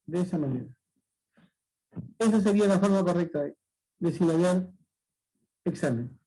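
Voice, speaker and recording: Male tutor, high husky voice, patient, repeats every rule, keeps checking in. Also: normal speed, dark tone, low-quality recording. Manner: patient, repetitive, checks understanding often. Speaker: language teacher. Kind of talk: exam-prep lesson.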